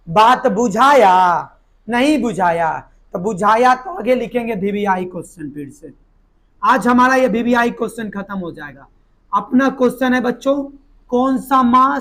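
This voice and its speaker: A man with a hoarse voice from a sore throat, teaching a live online biology class. He asks the class questions and answers them himself. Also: high voice, fairly bright tone. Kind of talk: live online exam-prep lesson.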